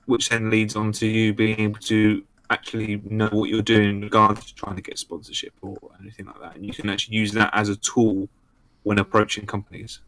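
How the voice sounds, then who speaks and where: Flat low man, robotic voice chat. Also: brisk. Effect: robotic digital distortion from a voice-chat line. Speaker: stream guest. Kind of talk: casual call-in chat.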